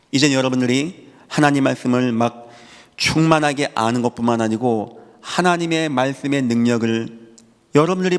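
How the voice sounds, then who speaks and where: Emphatic man preaching in a reverberant sanctuary. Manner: emphatic preaching with sudden rises and drops in pitch and volume. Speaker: pastor. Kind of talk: sermon. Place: church sanctuary. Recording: long hall reverb in a church sanctuary.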